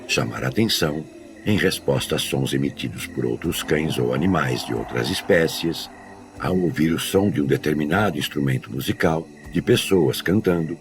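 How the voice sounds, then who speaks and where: Very deep-voiced man narrating a lesson. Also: lively intonation, music in the background. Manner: measured, explanatory delivery. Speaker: dog trainer. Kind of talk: scripted educational narration.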